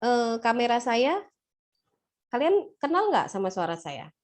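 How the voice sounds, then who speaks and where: A woman teaching nursing students over a video call, and her voice sits a little high for a woman. She keeps asking the class questions in a brisk, playful way. The sound comes through a laptop microphone. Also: sing-song. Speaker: nursing lecturer. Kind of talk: online class lecture. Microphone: laptop or webcam mic on a video call.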